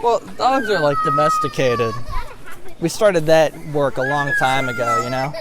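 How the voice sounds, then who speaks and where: A man's voice: fairly high pitch, wildly swooping pitch, unhurried, heavy background noise. Easygoing man chatting amid a crowd. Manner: easygoing, laughs often. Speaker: podcast co-host. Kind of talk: casual chat. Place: outdoors at a crowded zoo.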